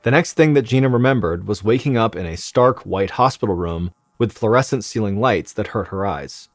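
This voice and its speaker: A man telling a true medical mystery in scripted narration, measured and suspenseful, dropping quieter at the tense moments. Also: lowish voice, animated, no echo, studio quality, soft background music. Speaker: storyteller.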